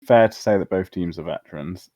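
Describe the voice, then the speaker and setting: A man's voice: low voice, brisk, dark tone, dry recording. A man co-casting an esports match, chatty and speculative. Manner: chatty, laughs easily, speculative. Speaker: esports co-caster. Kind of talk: casual esports commentary.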